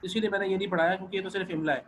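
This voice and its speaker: A man's voice: high voice, fairly even intonation, a little hiss or hum, poor audio. A man teaching an online Arabic class, patient, often repeating and checking that students follow.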